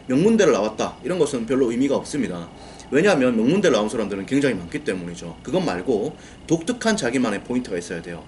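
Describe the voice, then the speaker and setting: A man's voice: mid-range voice, a little mellow, a little hiss or hum. A man giving a lecture on book writing as a coach, explaining point by point, repeating key phrases and asking and answering his own questions.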